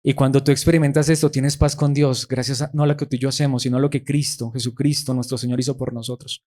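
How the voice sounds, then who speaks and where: A man's voice: mid-range voice, little pitch movement, fast, warm tone. A man preaching a sermon emphatically, asking his listeners rhetorical questions and repeating words for stress.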